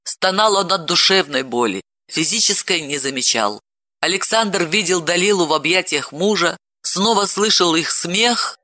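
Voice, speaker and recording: A man narrating an audiobook with an expressive, dramatic reading. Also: high-pitched, moderate pace, no room sound, studio quality.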